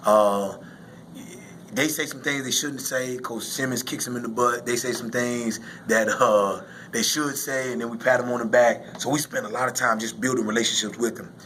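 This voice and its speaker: Guy coaching football talking after the game, repeats stuff for emphasis, mid pitch, bit of noise behind. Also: steady tone, moderate pace, a bit bright. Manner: emphatic, repetitive phrasing. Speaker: high school football coach. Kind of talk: postgame interview, casual explaining.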